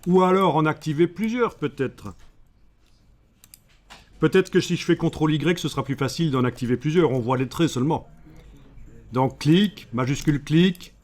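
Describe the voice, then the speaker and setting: A man with a Belgian French accent teaching a live software class, breaking up the steps with joking asides to his students. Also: on the high side.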